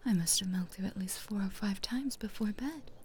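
A woman speaking in a soft, coaxing, teasing whisper close to the mic, as in an intimate audio roleplay. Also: mid-range voice, normal speed.

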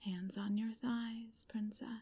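A woman in a whispered ASMR roleplay, giving soft, commanding instructions in an intimate hush. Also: on the high side, fairly even intonation, takes it slowly, slightly rough. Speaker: roleplay narrator.

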